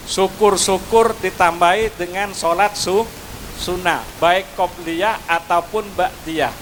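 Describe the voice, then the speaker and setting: The recording is low-quality with slight background noise, capturing a high, slightly bright male voice. He's a school speaker from Madura with a Madurese accent, delivering a preachy outdoor graduation speech to students and parents while using Javanese honorifics.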